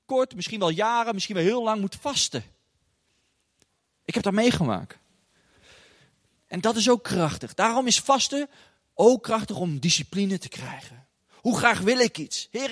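A man with a Dutch accent preaching a sermon in a church hall, chatty and informal, often adding little tag questions. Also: high voice. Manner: chatty, with frequent tag questions and filler sounds. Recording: long hall reverb.

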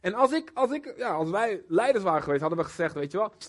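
A man preaching a sermon in a casual, conversational way, animated, with frequent fillers and restarts. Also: sits high, fast talker. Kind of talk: informal sermon.

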